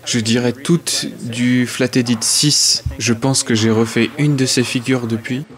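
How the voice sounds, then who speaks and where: A man speaks a voice-over translation of an interview at a middle pitch. He reads both sides of the conversation in a plain, steady way, without acting them out. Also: a little slow.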